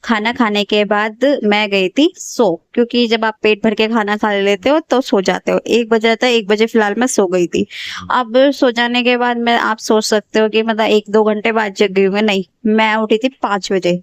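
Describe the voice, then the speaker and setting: A woman's voice: medium pitch, steady tone, moderate pace, clean tone, no echo. A young woman in her twenties, casually narrating her daily study routine as a vlogger in a chatty, rambling way with frequent self-corrections. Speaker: exam aspirant vlogger.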